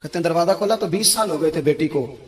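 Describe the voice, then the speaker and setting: A man preaching an emotional sermon, telling stories dramatically and swinging between loud exclamations and hushed narration. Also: fairly high pitch, reverberant. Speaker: Islamic preacher.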